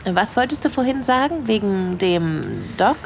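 In an intimate first-person audio drama, a woman plays a shy, smitten young holidaymaker who is breathy, confiding and easily flustered. Her mid-range voice is sing-song at a measured pace, with a slight hiss or hum.

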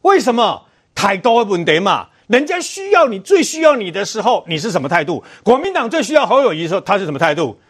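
Heated scolding male pundit, very high voice. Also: fast, husky. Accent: Taiwanese. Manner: animated, scolding, rhetorical questions. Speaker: political commentator. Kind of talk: heated political talk show commentary.

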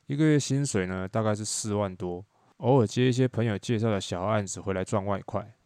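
A man's voice: on the low side, a little fast, darkish tone, clean tone, no echo, studio quality. A man who works as a tour leader hosts a solo podcast, telling wry, chatty stories from his job. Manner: chatty, wry storytelling with quoted dialogue.

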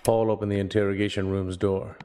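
A man narrating and voicing a private investigator in a noir audio drama, with a dry, deadpan wit. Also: lowish voice, a little fast.

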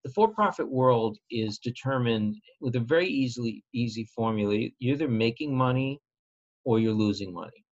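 Earnest advocate guy in an interview, measured, restarts his sentences, kinda muffled lo-fi sound. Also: medium pitch. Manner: earnest, measured, repeats opening words. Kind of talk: conversational interview. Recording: slightly dull lo-fi sound.

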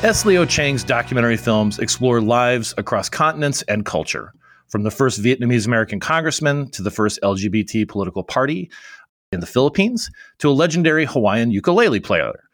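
A man hosting a political podcast, introducing and then interviewing a guest in a halting, filler-heavy conversational way. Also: mid-range voice, lively intonation, fairly bright tone. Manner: halting, many fillers and restarts. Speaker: podcast host.

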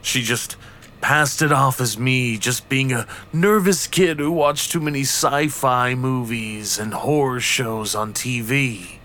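A man playing a haunted, reclusive artist who slowly confesses his childhood paranoia in a hushed, brooding horror-story reading. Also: mid-range voice. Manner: slow, hushed, brooding narration.

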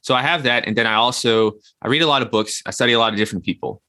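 With a medium-pitched, bright and forceful voice, this man in his thirties races along, recorded without echo. He is a health consultant being interviewed, reflecting conversationally and explaining ideas through everyday comparisons such as gardening and baking.

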